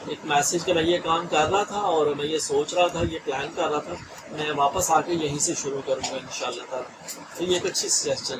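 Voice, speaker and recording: A man teaches an online training session in a chatty, easygoing way, dropping in English phrases and often checking that his listeners follow. His voice sits high. He is recorded from a distance, with clear noise in the room behind him. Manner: chatty, mixes English phrases, frequent "theek hai ji" checks. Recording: distant mic with noisy room ambience.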